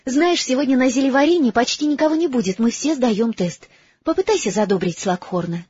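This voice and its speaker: A man voicing a clever, bossy teenage girl in an audiobook, brisk and earnest. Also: extremely high pitch, expressive, darkish tone, slight background noise, pitched above the performer's own voice. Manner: brisk, earnest, a little lecturing. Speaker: audiobook character voice. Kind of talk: audiobook character reading. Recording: slightly dull, dry recording.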